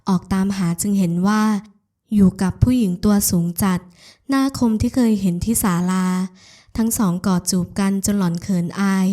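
A woman reading a romance novel aloud in an even, unhurried storytelling voice. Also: medium pitch. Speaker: audiobook narrator. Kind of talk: scripted narration.

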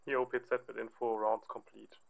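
A man's voice comes through a walkie-talkie radio, rough and gravelly. He gives short fire support reports in strict radio procedure. The sound is dull and muffled, and loud static runs under it. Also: mid-range voice, level tone, normal speed. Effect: over walkie-talkie radio. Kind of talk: clipped military radio procedure in a tactical game.

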